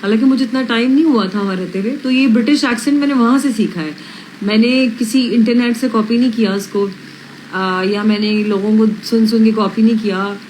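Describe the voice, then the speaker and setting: A woman's voice: fairly high pitch, a little fast, a little mellow, a little hiss or hum, rough recording. Frank young woman with faint British lilt. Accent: slight British. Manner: mixes English phrases into speech; frank, self-assured. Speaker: reality show contestant. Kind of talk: casual livestream chat.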